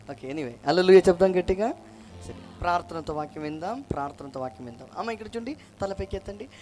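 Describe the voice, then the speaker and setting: A man from Karnataka preaching a sermon, urging the congregation to repeat after him and answer loudly. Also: high voice, a little hiss or hum. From Karnataka, India. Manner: urges the crowd to answer loudly, repeats verses slowly. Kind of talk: sermon with call-and-response. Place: church gathering with a congregation.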